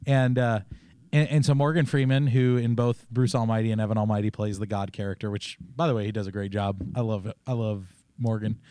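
A man's voice: lowish voice, steady tone, a little fast, dark tone, smooth, dry recording, studio quality. Man telling a rambling faith story. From Oregon, United States. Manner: rambling, storytelling with many restarts. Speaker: podcast co-host. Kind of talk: casual faith chat.

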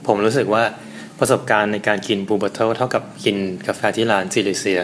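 A man co-hosting a casual food podcast, telling stories in a quick, chatty way. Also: lowish voice, steady tone, a little hiss or hum. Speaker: podcast co-host.

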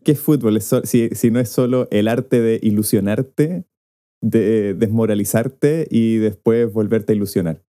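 A man's voice: on the low side, steady tone, measured pace, dark tone. A man co-hosting a casual chat, speaking with dry, wry humor. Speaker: podcast co-host.

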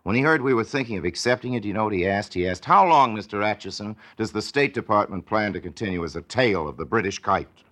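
Casting: male narrator playing indignant, bitter American statesman, 1940s radio drama, deep voice, emphatic oratory. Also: lively intonation, fast, a bit bright. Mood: indignant outrage.

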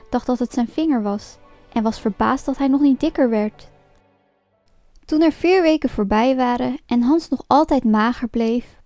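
A woman reading a fairy tale aloud as a storyteller, in a lively and expressive storybook manner. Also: a little high, no echo. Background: faint music.

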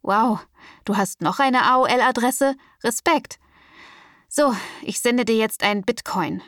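A woman's voice: on the high side, unhurried, fairly bright tone, no room sound, clean studio sound, distant mic. Woman playing a cocky, easygoing young man. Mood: smug. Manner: easygoing, smug and soothing. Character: calm, cocky young man cutting a deal.

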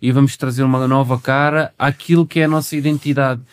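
A man's voice: medium pitch, level tone, fast talker, clean tone. A man chatting casually as a rapper guest, slangy and emphatic, often repeating himself. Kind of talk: casual chat.

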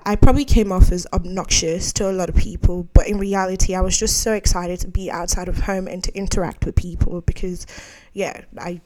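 A young adult woman hosting her own podcast, talking candidly and rambling off on tangents, with frequent laughs. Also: on the low side. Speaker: podcast host. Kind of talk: solo podcast monologue.

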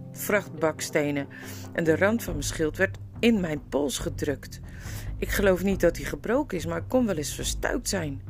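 A woman voicing a winded but determined young king after a sword fight. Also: lowish voice.

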